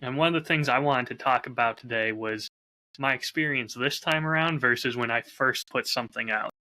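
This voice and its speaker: Speaking a little fast on a low-quality recording, a podcast host and audio drama creator sets out his thoughts candidly and reflectively, like a habitual storyteller. He has a middling pitch and a very bright, crisp-edged voice on this casual show.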